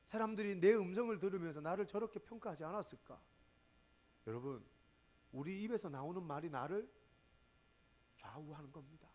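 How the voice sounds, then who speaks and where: A male pastor delivers an emphatic sermon to his congregation. His high voice rises and falls very widely. He peppers the sermon with rhetorical questions and swings from forceful exclamations to low, quiet asides. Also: animated, brisk, pauses often.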